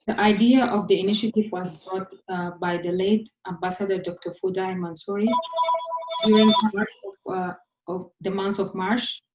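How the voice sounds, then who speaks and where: A woman opens proceedings as host, delivering a formal welcome in a mid-range voice. She pauses often with hesitant fillers between phrases. Her voice rings around a roomy, echoey space. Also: medium pitch, darkish tone, a little hiss or hum. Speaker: host and moderator. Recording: roomy echo.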